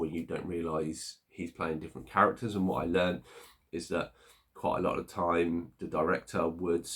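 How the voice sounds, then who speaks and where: A man with a notably deep, low-pitched voice talks through a film he has watched. His delivery is casual and unscripted. He often stops on filler sounds while he works out what to say next. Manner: unhurried, thinking aloud with many filler pauses. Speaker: movie reviewer. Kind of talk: casual spoken movie review.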